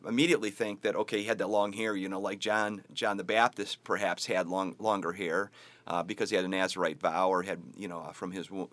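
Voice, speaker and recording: A man's voice: on the low side, a bit bright, no echo. A man, a pastor, interviewing a church member in a casual conversation, laughing often and backing him up with frequent yeahs.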